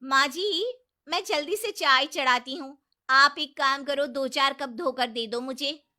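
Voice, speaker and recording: A woman voicing a bold, sharp-tongued young daughter-in-law who talks back defiantly and loudly. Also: high-pitched, measured pace, voice pushed up, heavily acted. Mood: sly. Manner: defiant, sassy, loud retorts.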